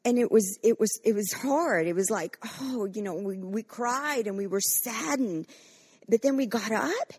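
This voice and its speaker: A woman's voice: a little high, a little slow, a little mellow, breathy edge. A woman pastor preaching a fervent sermon and leading corporate prayer, acting out quoted voices with frequent restarts.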